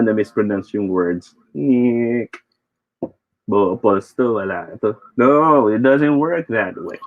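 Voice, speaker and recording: A man's voice: on the low side, no room sound, narrow, tinny audio. A man with a Filipino accent teaching an online speech class, chatty and encouraging, switching between English and Tagalog as he reads out viewer comments.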